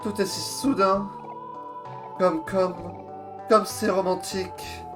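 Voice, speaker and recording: A man's voice: high-pitched, steady tone, takes it slowly, music in the background, pitched above the performer's own voice. Haughty woman queen, voiced by a man, theatrical, imperious, video game dub. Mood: sweet. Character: haughty, vain woman queen who scorns commoners.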